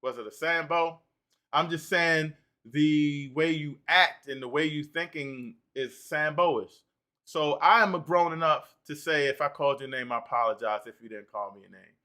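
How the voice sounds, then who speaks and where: Male stream host, bright and fairly high voice, works through the chat out loud. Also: moderate pace. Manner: animated, reads out and answers chat comments. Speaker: livestream host. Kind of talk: livestream talk reading chat comments.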